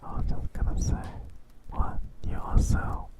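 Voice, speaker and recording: A man in a whispered ASMR stream, talking softly and sleepily to his chat, close to a sensitive mic. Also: a little slow. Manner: soft whispering, drowsy and relaxed. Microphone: sensitive studio recorder mic.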